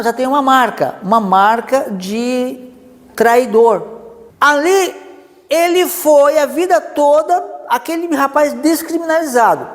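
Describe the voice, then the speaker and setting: A Brazilian man preaching a sermon, telling a story with lively asides. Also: very high-pitched, in a large hall. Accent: Brazilian Portuguese. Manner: animated storytelling with many asides.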